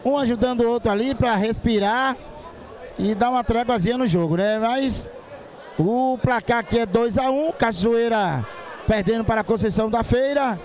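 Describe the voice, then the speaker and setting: Bahian accent, man, very high-pitched, live football reporting, clear crowd noise behind. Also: moderate pace, darkish tone. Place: outdoor football ground.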